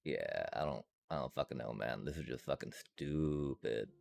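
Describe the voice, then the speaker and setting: Gravelly deep-voiced man ranting at a game. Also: lively intonation, moderate pace, darkish tone, a little hiss or hum. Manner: frustrated, profane ranting with frequent laughs. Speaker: streamer. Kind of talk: casual gameplay commentary.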